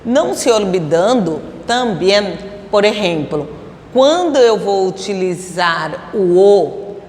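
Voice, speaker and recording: Slow, patient woman teaching in an echoey room. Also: mid-range voice, lively intonation, darkish tone, a little hiss or hum. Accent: Brazilian Portuguese. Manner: explains slowly, asks students rhetorical questions. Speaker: Spanish teacher. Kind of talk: classroom grammar lesson.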